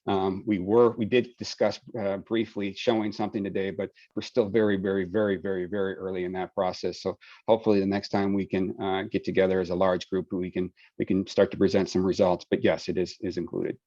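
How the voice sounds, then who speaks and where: A man with a very deep voice moderates a webinar over a dry, dull video call. He talks in a relaxed, folksy way, full of fillers. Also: brisk, no echo. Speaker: webinar moderator and project lead.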